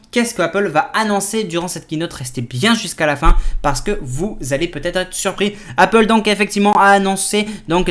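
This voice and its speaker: Lively tech vlogger man. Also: sits high. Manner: lively, many fillers and restarts. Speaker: tech YouTuber. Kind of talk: casual tech news vlog.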